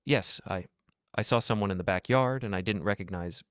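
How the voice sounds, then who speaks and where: A man voicing a nervous, ashamed older woman in a storybook reading, speaking haltingly. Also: fairly low pitch, a bit bright, smooth, no room sound, clean studio sound, natural voice. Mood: hesitant. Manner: halting, faltering.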